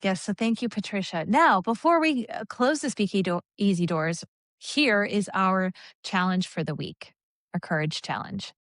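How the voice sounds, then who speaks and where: A woman's voice: mid-range voice, moderate pace, a bit bright, dry recording, studio quality. A woman co-hosting a podcast, chatting in an upbeat, encouraging way about workplace leadership. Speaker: podcast co-host. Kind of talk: casual podcast chat.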